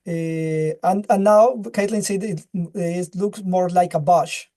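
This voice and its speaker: Casting note: a man with a mellow voice, halting and restarting on a video call. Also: high voice, fairly even intonation. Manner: halting, searches for words, many restarts. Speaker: webinar speaker. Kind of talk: casual presentation and chat.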